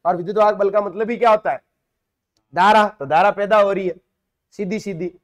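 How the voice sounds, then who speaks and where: A man teaches a physics lesson in class, speaking fairly quickly in a high-pitched, steady voice. He explains step by step, asks and answers his own questions, and calls his students "beta".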